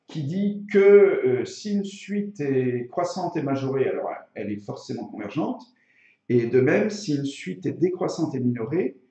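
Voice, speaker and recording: A male maths teacher with a mellow voice explains things step by step. He is hesitant, thinks aloud and often corrects himself. The recording is echoey and a little dull. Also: mid-range voice. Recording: echoey room, slightly dull sound.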